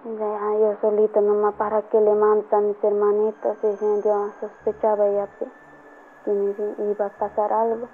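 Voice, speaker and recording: A woman from Peru gives documentary interview testimony, her speech halting and full of restarts. Her pitch stays almost completely level. The audio is tinny and phone-like, with faint music underneath. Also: completely flat delivery. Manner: halting, with frequent restarts and trailing phrases. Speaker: survivor giving testimony.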